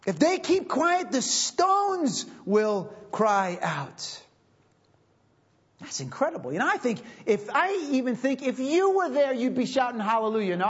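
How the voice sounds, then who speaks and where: A man's voice: very high-pitched, slightly rough. Pastor guy preaching, swoops up and down a lot, kinda muffled lo-fi sound, keeps repeating himself. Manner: emphatic, repeats phrases for stress. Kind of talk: sermon. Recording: dull lo-fi recording.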